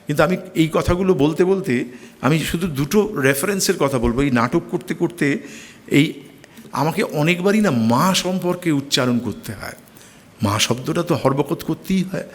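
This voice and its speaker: Expressive man in an echoing hall. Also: on the high side. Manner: expressive storyteller, quoting his mother in animated bursts. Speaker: stage actor giving a memorial lecture. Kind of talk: anecdotal lecture. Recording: long hall reverb.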